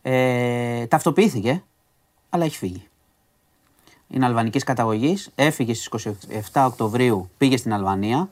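A man hosting a podcast, recapping news stories to a co-host in a casual, conversational way with asides and hesitations. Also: mid-range voice.

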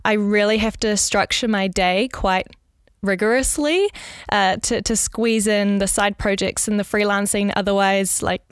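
A woman's voice: medium pitch, smooth, no echo, studio quality. A young woman with a New Zealand accent, a designer answering interview questions in a candid, chatty way. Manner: chatty, candid, frequent "like" fillers, light laughs. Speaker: designer and freelancer, guest.

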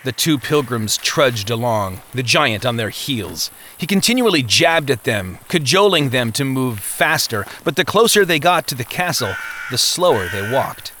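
A man narrating a novel in a steady storytelling manner, lightly voicing the characters' lines. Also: medium pitch, normal speed, hardly any pauses, a little hiss or hum. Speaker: audiobook narrator.

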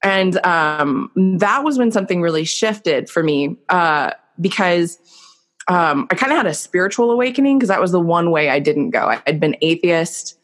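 Speaking at a normal pace in a lowish voice with lively intonation, this podcast guest, a woman in her thirties, recounts her life openly. She comes across as earnest and thoughtful, her storytelling full of fillers.

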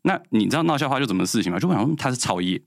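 A man's voice: medium pitch, rapid-fire, creaky, no room sound, clean studio sound. A man in his thirties with a Taiwanese Mandarin accent, a guest telling sales stories in casual chat and acting out what others said. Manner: animated, acts out quoted dialogue.

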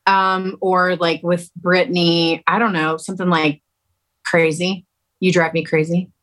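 A woman's voice: on the low side, level tone, a little slow, fairly bright tone. A woman guest singer on a video call, talking in an easygoing, agreeable way. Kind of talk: casual chat.

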